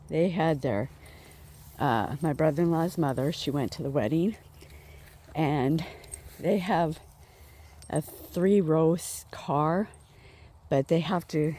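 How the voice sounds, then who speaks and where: A woman's voice: low-pitched, mellow. A woman vlogging while out walking her dogs, slightly out of breath, telling a rambling, chatty story. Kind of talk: casual walking vlog. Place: outdoors on a walk with dogs.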